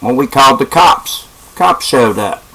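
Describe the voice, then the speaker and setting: A man, telling a story in a casual, halting way with many fillers. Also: medium pitch, expressive, gravelly, sharp tone, a little hiss or hum, low-quality recording. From West Virginia. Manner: halting, with frequent uh fillers and restarts. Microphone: webcam.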